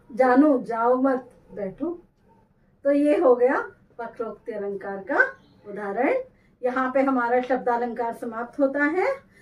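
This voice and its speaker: A woman teaching Hindi grammar, explaining lines of verse slowly and carefully and repeating them. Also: high-pitched, distant mic, low-quality recording. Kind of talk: explaining poetry examples in a lesson.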